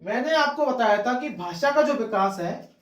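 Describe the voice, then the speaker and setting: A man's voice: very high-pitched, animated, normal speed, fairly bright tone. A man teaching a class, who asks his own question and then repeats the key word as the answer. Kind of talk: classroom lecture. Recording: echoey room, distant mic.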